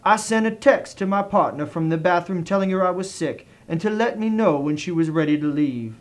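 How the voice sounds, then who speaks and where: A man with a Southern US accent narrates in a fairly high voice. His delivery is genteel and theatrical, treating a comic review as a dramatic tale. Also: a little fast.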